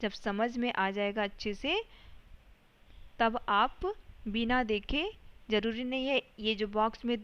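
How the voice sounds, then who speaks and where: A woman teacher giving a slow, patient lesson to young children, sounding out syllables and words one by one. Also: on the high side, a bit bright, smooth, highs cut off.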